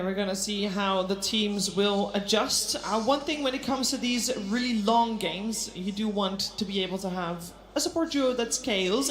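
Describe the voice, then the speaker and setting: Brief: female panel host, lively swooping pitch, echoey studio. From Netherlands. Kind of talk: esports broadcast panel hosting.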